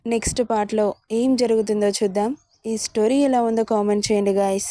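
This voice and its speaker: Woman narrating a story, dark dry voice. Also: fairly high pitch, fairly even intonation, brisk, no echo. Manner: reads all characters in her own voice. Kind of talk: scripted story narration with acted dialogue.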